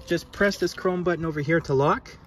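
A man's voice: fairly high pitch, brisk, slight background noise. A man giving a casual car walkaround, talking in a plain, easygoing show-and-tell way with frequent fillers. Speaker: car reviewer. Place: around and inside a parked car.

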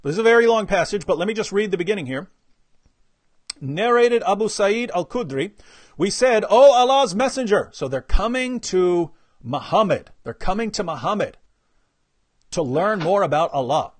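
A man with a fairly high voice hosts a live online discussion. He talks in an animated, lively way, laughing and mimicking the people he argues against. The sound is dry and close, with little room around it. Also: moderate pace, no room sound. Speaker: host.

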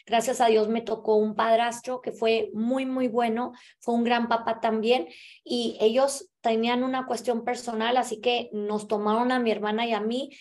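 Young mexican woman, fairly high voice, talking straight to camera in a small room, lots of hand waving and "right?" tags. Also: moderate pace. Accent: Mexican Spanish. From US-Mexico border (El Paso, Texas). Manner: animated, gesturing with both hands, many filler tags like "¿verdad?". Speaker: motivational speaker. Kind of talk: personal story talk to camera.

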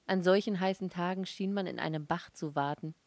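A woman reading a novel aloud as an audiobook, in a calm, measured storytelling voice. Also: lowish voice, dry recording. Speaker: audiobook reader. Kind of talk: scripted narration.

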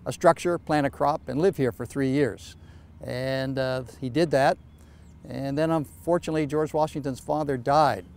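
An older man speaking outdoors in a measured, storytelling way as a historical site guide. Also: medium pitch, a little mellow, slight background noise. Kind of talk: explanatory interview. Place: outdoors on a lawn.

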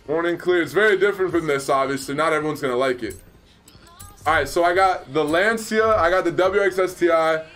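Here a livestream host, a man in his twenties, chats loosely through a casual gaming stream from a small room using a headset mic. His pitch is fairly high and his tone a bit bright. He laughs a lot while reading out and replying to his chat.

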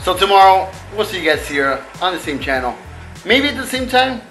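A man's voice: sits high, big pitch swings, a little fast, a bit bright, soft background music, low-quality recording. A man talking casually to the camera as a family vlogger, chatty and friendly, speaking straight to his viewers. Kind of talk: casual vlog talk to camera.

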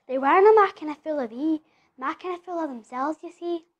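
A woman with a Scottish accent voicing a wise, kindly old miller in a recited poem, gentle and reassuring. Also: high-pitched, fairly quick, highs cut off, lightly acted.

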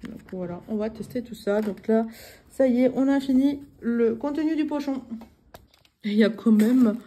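A young adult woman vlogging casually as she unboxes beauty products, reading labels out haltingly with many fillers. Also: fairly high pitch, mellow.

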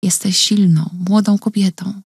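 A woman voicing a gentle, caring woman who speaks softly and calmly in an audiobook reading. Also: medium pitch, unhurried, slightly rough, no echo, clean studio sound, voice pushed up. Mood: soothing. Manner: soft, calm, reassuring.

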